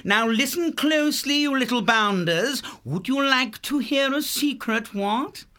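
A man's voice: high-pitched, big pitch swings, a little slow, bright, forceful tone, pitched above the performer's own voice, exaggerated voice. A man voicing a greedy, posh young male hare who chatters in plummy upper-class slang. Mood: scheming.

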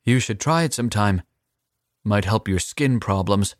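A man voicing a young captive assassin who is defiant and taunting, in a higher, strained and sneering voice. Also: normal speed, dry recording, studio quality, close to an everyday voice. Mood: mocking.

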